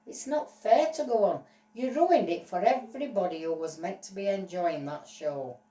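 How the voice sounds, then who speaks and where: A woman voicing a stern TV judge who lectures slowly in a playful toy-play story. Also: medium pitch, animated, dark tone, recorded from a distance, lightly acted. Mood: scolding. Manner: slow, lecturing, drawn out. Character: stern slow-talking TV judge. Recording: roomy echo, voice off-mic.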